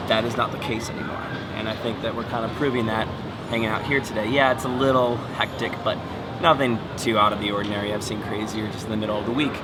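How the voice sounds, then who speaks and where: A man's voice: medium pitch, background noise. A man presenting a casual explainer vlog in a conversational, dryly wry way. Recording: music behind the voice. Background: music and airport bustle.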